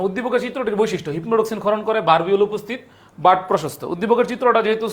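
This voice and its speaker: Fast-talking young man teaching biology live. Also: high voice. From Bangladesh. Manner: repeats each point several times, calls out viewers' names from comments. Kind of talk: live-streamed exam question review.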